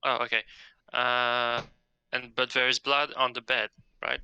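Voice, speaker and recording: A man's voice: medium pitch, flat delivery, measured pace, bright, forceful tone, clean tone, highs cut off. A man playing a tabletop game, carefully checking details with questions. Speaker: player. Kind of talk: casual tabletop game chat.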